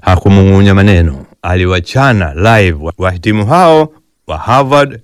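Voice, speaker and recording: Animated male news narrator. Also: low voice, moderate pace, heavy background noise.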